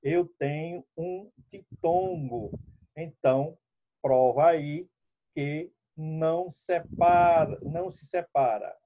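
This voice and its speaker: A man's voice: a little high, takes it slowly. A man teaching a lesson, explaining rules step by step and speaking straight to his students. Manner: explanatory, addresses students directly. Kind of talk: classroom lesson. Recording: dull lo-fi recording.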